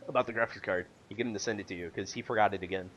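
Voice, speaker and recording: A man's voice: on the low side, steady tone, fast talker, fairly bright tone, dull audio, slight background noise. A man co-hosting a casual gaming podcast, rambling and hesitant with lots of fillers. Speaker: podcast co-host.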